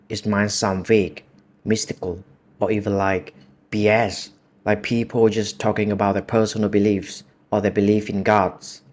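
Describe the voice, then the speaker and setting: Calm and measured, this man hosts a video essay in a contemplative style that resembles a reflective solo monologue. He has a Vietnamese accent, English is his second language, and his voice sits slightly low.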